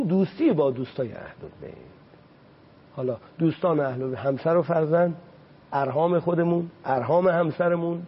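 A man preaches as a religious guest on a talk show with a husky, somewhat high voice. He climbs sharply when he drives a point home and slows right down to recite Arabic lines. The sound is dull and muffled, like an old broadcast. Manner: impassioned, rises sharply on points; recites Arabic quotations slowly.

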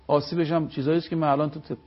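A man giving a religious talk on a live TV program. He tells moral stories and recites sayings slowly, stressing each word. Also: a little high, little pitch movement, dull audio. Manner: preaching, storytelling, slow stressed recitation of sayings. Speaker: religious speaker.

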